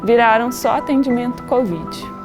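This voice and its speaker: A woman in her thirties with a Brazilian accent, a health worker calmly telling her story in a documentary interview. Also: on the high side, normal speed, over music. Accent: Brazilian Portuguese. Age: 30s.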